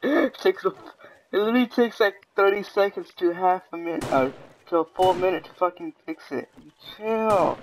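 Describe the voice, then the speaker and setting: A young man playing a survival game with a friend, excitable and swearing, laughing often. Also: high-pitched, normal speed, slight background noise, low-quality recording. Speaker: gamer. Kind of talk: casual gaming commentary.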